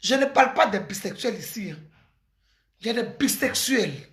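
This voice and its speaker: A woman's voice: mid-range voice, animated, moderate pace. A middle-aged woman, delivering an impassioned, preachy advice monologue straight to the listener. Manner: emphatic and preachy, with exclamations and address to the listener. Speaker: commentator giving advice. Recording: echoey room.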